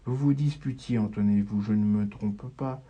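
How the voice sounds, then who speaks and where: Uneasy woman, sister-in-law, read by a man, low gravelly voice, dull recording. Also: normal speed, warm tone.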